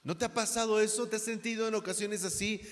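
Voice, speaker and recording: High-voiced Mexican preacher in reverberant hall. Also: male voice, fairly even intonation, fast talker, fairly bright tone. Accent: Mexican Spanish. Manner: preaching with rhetorical questions to the congregation. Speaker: pastor. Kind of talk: sermon. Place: church hall. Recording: long reverb of a church hall.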